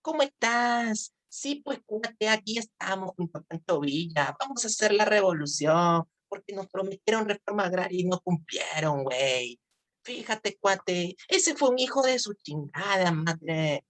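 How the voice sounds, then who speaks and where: A woman's voice: medium pitch, animated, a little slow, voice pushed up, lightly acted. A woman putting on a drawling northern Mexican revolutionary. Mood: folksy. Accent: northern Mexican Spanish, imitated. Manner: drawling, folksy, crude. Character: rough northern Mexican peasant revolutionary man.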